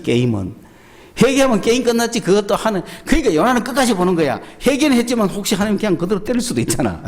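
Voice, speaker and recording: A male pastor with a Gyeongsang Korean accent, preaching a sermon in an animated storytelling way, often asking the congregation questions. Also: high-pitched.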